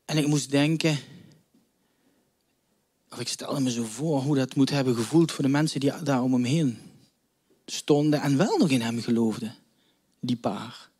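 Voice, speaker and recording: A man preaching a sermon to a congregation, dramatic, swinging between loud outbursts and hushed near-whispers. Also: medium pitch, a little slow, long pauses, breathy edge. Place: church before a congregation.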